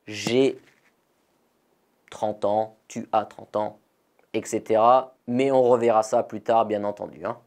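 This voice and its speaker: A man from France teaching a beginner French lesson, slowly and carefully repeating model phrases for learners. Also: on the low side, gravelly, darkish tone.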